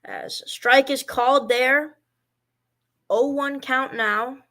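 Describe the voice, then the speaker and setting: A man's voice: very high voice, fairly even intonation, slow pace, creaky, bright, forceful tone. A man doing amateur baseball play-by-play commentary, rambling and stumbling over player names.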